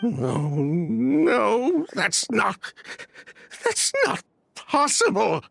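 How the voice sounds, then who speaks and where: A grieving, distraught male game character, cries as he speaks. His husky voice swings widely in pitch, halting and stammering as he pleads, recorded dry and close. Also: very animated, fairly bright tone, no room sound, exaggerated voice. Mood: disbelieving, grieving. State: crying, distressed. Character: Sylvain, distraught merchant, grieving brother. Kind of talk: video game voice acting.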